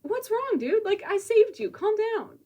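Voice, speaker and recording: A woman's voice: a little high, lively intonation, fairly quick, a little mellow, pitched above the performer's own voice. A woman putting on a breezy, condescending young villain. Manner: breezy, dismissive, talking down. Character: casual, coldly superior young male villain.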